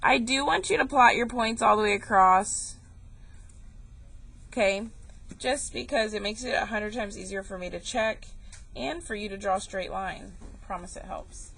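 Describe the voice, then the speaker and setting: A woman's voice: mid-range voice, moderate pace, gravelly, fairly bright tone, a little hiss or hum, rough recording. A young woman teaching a math class, chatty and joking, calling her students y'all. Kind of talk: recorded classroom lesson.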